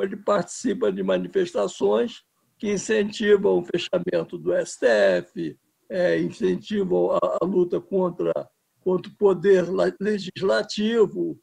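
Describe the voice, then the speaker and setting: Older man from Brazil, seventies, gravelly voice, fairly high pitch, impassioned interview talk. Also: a little mellow. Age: 70s. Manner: impassioned, emphatic, restarts words. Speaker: interviewed filmmaker. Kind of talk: political interview.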